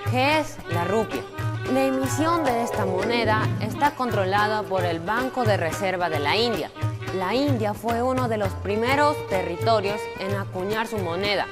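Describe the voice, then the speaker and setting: Give me a Peruvian woman with a medium voice explaining facts to children over clear background music. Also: medium pitch, moderate pace. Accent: Peruvian Spanish. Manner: informative, plain explaining. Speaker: children's segment presenter. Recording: music playing behind.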